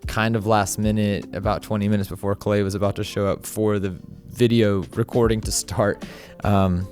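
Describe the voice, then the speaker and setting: A man's voice: lowish voice, level tone, moderate pace, darkish tone, soft background music. A man narrating his vlog in voice-over, rambling, with many fillers and restarts. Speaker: vlog host.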